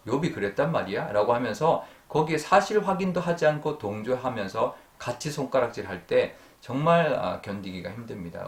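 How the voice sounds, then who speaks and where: Man, pastor, earnest dawn sermon, drawn-out fillers, soft trailing endings, lowish voice, echoey church room. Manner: earnest, many drawn-out fillers, trailing off softly at sentence ends. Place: church sanctuary.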